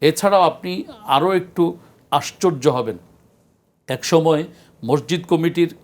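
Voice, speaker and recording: Earnest man lecturing calmly. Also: on the high side. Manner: earnest, measured lecturing with frequent pauses. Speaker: Islamic scholar guest. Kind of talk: studio discussion on a religious show.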